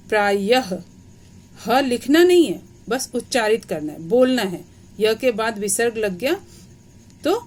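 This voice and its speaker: Woman teacher explaining step by step. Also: a little high. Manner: explains step by step, checks understanding with questions. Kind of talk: classroom grammar lesson.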